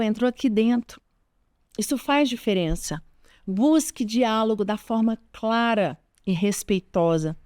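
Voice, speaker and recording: A Brazilian woman in her forties talks straight to her audience about raising children. Her voice sits a touch high, and she is earnest and emphatic. She drives each point home by repeating it. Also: darkish tone. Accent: Brazilian Portuguese. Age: 40s. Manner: earnest, emphatic, repeats key advice, addresses listeners directly. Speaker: parenting advice host. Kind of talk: direct-to-camera advice talk.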